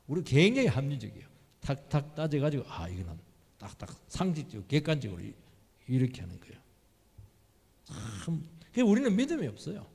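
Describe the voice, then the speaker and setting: A man's voice: mid-range voice, huge pitch swings, brisk, creaky, darkish tone, husky. A man preaching a midweek sermon as pastor, speaking emphatically and asking the congregation questions. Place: church sanctuary. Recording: long reverb of a church hall.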